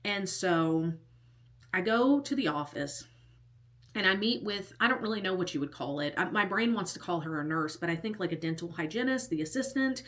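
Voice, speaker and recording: Her voice sits on the low side yet sounds fairly bright, with lively intonation at a normal speed. She's a storytime vlogger in her thirties, rambling casually through a personal tale, using "like" a lot and occasionally whispering an aside.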